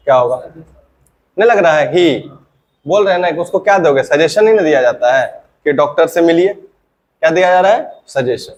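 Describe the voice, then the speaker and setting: A man with a fairly high voice teaches grammar to a class. He keeps asking the students questions and answering them himself. He says each example sentence slowly, more than once.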